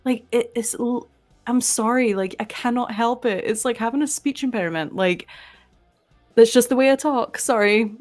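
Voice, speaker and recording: A Scottish woman co-hosts a casual live stream, her Edinburgh accent blended with American tones. She's chatty, laughs a lot and keeps saying "like," speaking at a normal speed in a higher voice with a darkish tone. Faint music plays behind her.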